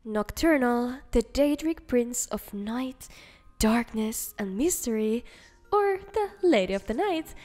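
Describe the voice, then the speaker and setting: A woman narrates a video game showcase in a high-pitched voice. She reads from a script as the host, with soft music playing faintly underneath. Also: lively intonation, slow pace. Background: faint background music.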